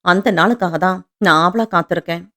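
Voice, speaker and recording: A woman voicing a patient, devoted young husband who speaks softly and earnestly. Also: lowish voice, a little fast, lightly acted. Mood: tender earnest. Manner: soft, earnest pleading.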